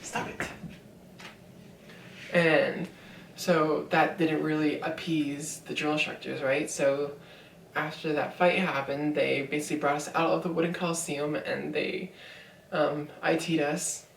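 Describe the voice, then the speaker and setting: A woman's voice: sits low, little pitch movement, unhurried, creaky, distant mic, slight background noise. A young woman in her twenties telling a story in a casual vlog, rambling with lots of fillers. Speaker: vlogger. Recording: echoey room, voice from off mic.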